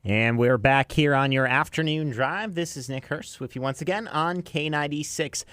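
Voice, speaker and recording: Behind a close broadcast microphone in a radio studio, an American afternoon drive DJ links songs and reads sponsor messages. His voice runs on the high side, smooth and a bit bright, at normal speed with no echo.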